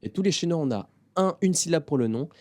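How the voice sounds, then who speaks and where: Mellow-voiced French man telling stories. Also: fairly high pitch, fast talker, no room sound. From France. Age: 30s. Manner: relaxed, animated storytelling with many fillers. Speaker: guest, comedian and doctor. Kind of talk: casual interview chat. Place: venue backstage, indoors.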